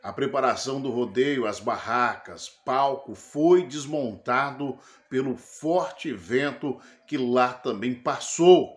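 A man's voice: mid-range voice, slow pace, hardly any pauses. A middle-aged Brazilian man presenting a news report to camera. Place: small indoor studio with backdrop. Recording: roomy, echoing studio sound.

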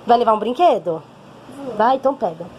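Chatty mom vlogging on a phone. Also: female voice, a little high, expressive, fairly quick, muffled recording, slight background noise. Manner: chatty, emotional, often asks for agreement. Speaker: vlogger mother. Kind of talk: casual vlog chat to viewers. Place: home, then walking outdoors on a street.

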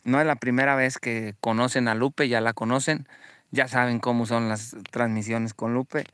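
A man with a Mexican Spanish accent hosting a livestream. He is profane and taunting, shouting jeers at someone and then dropping to low asides for his viewers. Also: steady tone, moderate pace, clean tone, no room sound. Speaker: livestream host. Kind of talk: livestream vlog.

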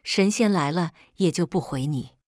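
A woman's voice: fairly low pitch, normal speed, darkish tone, dry recording, studio quality, natural voice. Woman reading as an old kindly doctor. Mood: advising. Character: old male physician, calm and kindly.

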